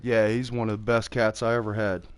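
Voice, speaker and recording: Gaming on stream, a relaxed man in his early forties rambles casually and curses plenty. He speaks briskly in a fairly low, level voice with a clean tone.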